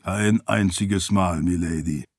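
A man voicing a loyal male spirit living in a floating light orb, with a deep, hesitant voice, speaking slowly and formally to his lady. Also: husky, no room sound, studio quality, heavily acted. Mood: relieved. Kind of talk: audiobook character voice.

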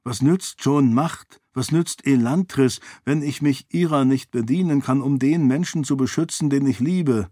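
A man's voice: medium pitch, measured pace, hardly any pauses, dark tone, no echo, studio quality, lightly acted. Audiobook: man doing a determined prince, grieving but resolute. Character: determined young prince, troubled.

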